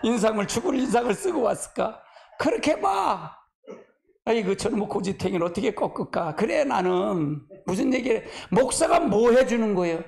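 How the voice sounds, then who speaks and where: A man's voice: high voice, sing-song, normal speed, vocal fry, a little mellow. A man preaching to a congregation as pastor, chatty and homespun, sighing often and calling on the listeners to answer back. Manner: asks the congregation for responses. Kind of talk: sermon.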